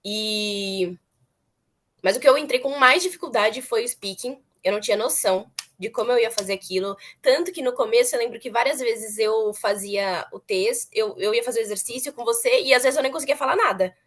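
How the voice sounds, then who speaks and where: A woman's voice: fairly high pitch, brisk, fairly bright tone. A young woman chatting earnestly as an interviewee, repeating words for emphasis. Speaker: former student interviewee. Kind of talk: casual interview chat.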